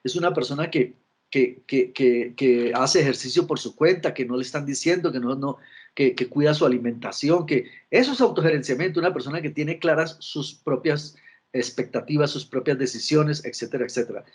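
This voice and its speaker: A man's voice: medium pitch, fairly quick, husky. A middle-aged man giving a virtual lecture on emotional intelligence, often restarting his words and checking in with his listeners. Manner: frequent restarts and repeated words, asks listeners for agreement.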